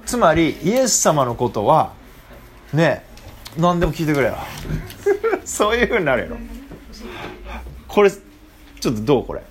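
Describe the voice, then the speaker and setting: Youth teacher, a man with an animated, swinging voice, chatty and full of questions to the group. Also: on the high side, unhurried, long pauses. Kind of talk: interactive Bible talk to young listeners.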